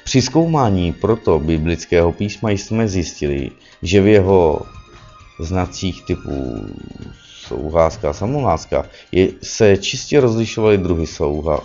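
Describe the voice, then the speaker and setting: Low-voiced man lecturing, muffled recording. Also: lively intonation, a little mellow. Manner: lecturing, with frequent self-corrections and "že ano" tags. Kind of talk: spoken lecture. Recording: dull lo-fi recording with faint music behind.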